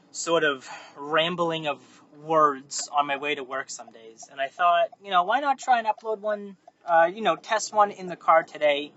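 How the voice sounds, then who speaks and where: A male host talks to his phone while driving, delivering a loose, meandering monologue with no script and frequent self-corrections. His voice is on the high side with a sharp tone, and the in-car recording comes out muffled with faint road noise in the background.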